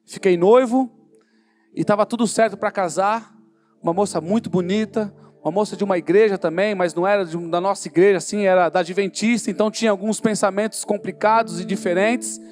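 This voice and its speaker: A man's voice: high voice, steady tone, brisk, a little mellow. A man with a Brazilian Portuguese accent preaching his testimony at a church service, telling the story and acting out the dialogue with growing fervor. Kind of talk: sermon testimony.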